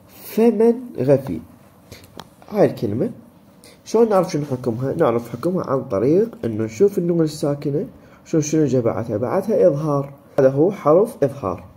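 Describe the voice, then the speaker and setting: A man with an Iraqi Arabic accent gives a recorded lesson, walking through each rule in turn. He poses questions and answers them himself, at a middle pitch. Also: dark tone. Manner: explains step by step, asks and answers his own questions. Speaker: teacher. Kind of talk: recorded lesson on Quran recitation rules.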